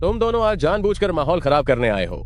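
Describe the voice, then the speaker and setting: A man voicing a righteous young man who confronts bullies quickly and indignantly in a dubbed drama. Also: fairly high pitch, big pitch swings, slight background noise. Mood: accusing.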